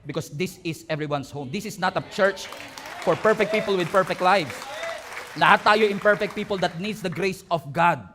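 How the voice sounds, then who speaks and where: A man's voice: sits high, moderate pace, fairly bright tone, some chatter behind, a little hiss or hum. A male pastor preaching a sermon, moving between emphatic, rising appeals and humorous storytelling. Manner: preaching in mixed Tagalog and English, rising to emphatic peaks.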